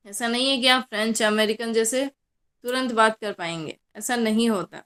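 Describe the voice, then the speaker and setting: A woman's voice: fairly high pitch, unhurried, a bit bright. A young woman college lecturer with a Hindi accent, teaching a class in a mix of Hindi and English and answering her own questions.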